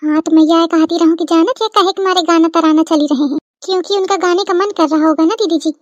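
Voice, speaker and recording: A woman's voice: extremely high pitch, fairly even intonation, a little mellow, no room sound, dull audio. A woman voicing a young scheming village daughter-in-law in a cartoon comedy, chattering in dialect. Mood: gossiping. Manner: brisk rustic dialect chatter.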